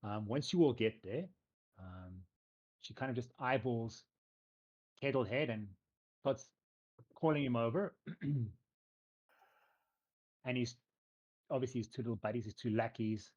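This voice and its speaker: A man's voice: mid-range voice, measured pace, long pauses, darkish tone, dull audio. A man improvising narration as game master of a tabletop role-playing game, in a conversational storytelling style.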